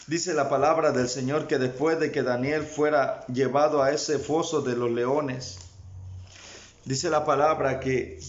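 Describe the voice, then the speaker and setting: A man preaching a sermon, speaking straight to his listeners and rising in fervor. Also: fairly high pitch. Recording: dull lo-fi sound.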